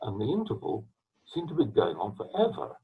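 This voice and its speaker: An older man from England, a retired trombonist, telling long rambling stories from his career with restarts and throat-clearing, speaking from home over a video call. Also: fairly low pitch, huge pitch swings, a little fast. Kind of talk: storytelling interview. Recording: tinny video call line.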